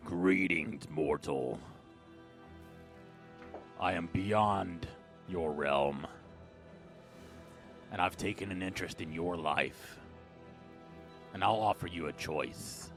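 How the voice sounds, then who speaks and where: A man voicing a booming otherworldly entity. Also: a bit bright, faint music behind, heavily acted. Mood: ominous. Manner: slow, deep, commanding pronouncements. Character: booming otherworldly male entity speaking in the mind. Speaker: game master. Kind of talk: tabletop game narration.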